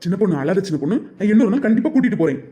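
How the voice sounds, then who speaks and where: Cartoon son: a performer doing a reasoning young husband, Tirunelveli Tamil accent, mid-pitched, talks very fast. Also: very animated, dark tone, natural voice. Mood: pleading. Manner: pleading, reasoning. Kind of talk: cartoon voice acting.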